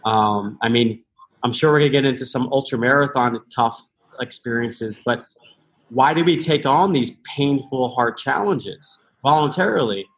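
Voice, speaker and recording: This is a reflective interview in which a US man in his thirties, appearing as a podcast guest, speaks at a moderate pace in a mid-range voice. He is thoughtful and sincere, and he keeps restarting sentences.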